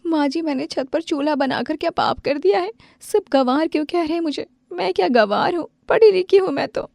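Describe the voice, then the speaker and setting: A woman's voice: high voice, a little fast, creaky, darkish tone, no echo, clean studio sound, voice pushed up. A woman voicing a stubborn young village daughter-in-law who talks earnestly. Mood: tearful.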